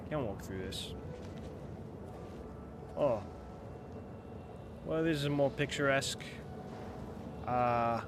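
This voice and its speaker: Young man, put-on British accent, hyper gaming chatter, swears a lot, clear background noise. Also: mid-range voice, lively intonation, takes it slowly, long pauses. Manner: hyper, swearing, self-mocking. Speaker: streamer. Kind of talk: gaming livestream commentary.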